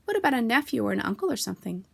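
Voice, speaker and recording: A woman voicing a calm, knowing young boy in a matter-of-fact way, in a storybook reading. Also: a little high, racing, creaky, slightly rough, voice pushed up, full character voice.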